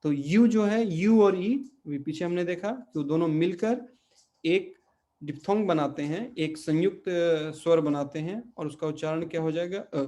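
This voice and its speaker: Speaking in a warm, fairly high-pitched voice, this man runs an online language class at a slow pace. He breaks each point down step by step and keeps asking check questions, with plenty of fillers along the way.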